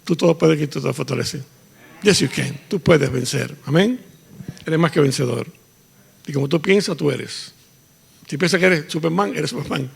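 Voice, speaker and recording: Gravelly, husky man preaching in a church. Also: fairly high pitch, normal speed, long pauses, big-room sound. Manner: preaching with rising emphasis, switching between Spanish and English. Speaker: pastor. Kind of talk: bilingual sermon. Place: church sanctuary.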